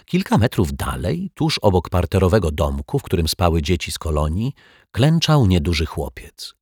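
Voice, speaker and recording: A man narrating a children's story in a gentle, playful way. His voice is deep and husky, with a lively, expressive pitch. It is recorded close and dry, with no room sound. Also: moderate pace, no room sound.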